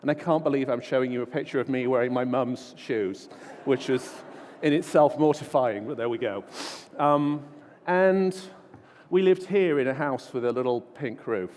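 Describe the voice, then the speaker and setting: A man's voice: mid-range voice, moderate pace, darkish tone, slight background noise. A man giving an informal, self-deprecating keynote talk full of stories at a large conference. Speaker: conference speaker. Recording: long hall reverb.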